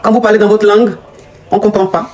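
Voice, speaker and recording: A woman's voice: steady tone, quick pace. Woman coach ranting, scolding and mocking. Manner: scolding, mocking, repetitive, shouting rises in pitch. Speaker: online relationship coach. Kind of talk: angry rant on a live video.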